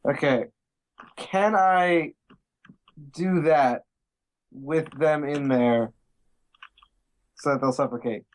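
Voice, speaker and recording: Inquisitive young tabletop player. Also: male voice, fairly high pitch, takes it slowly, long pauses. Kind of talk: casual tabletop chat.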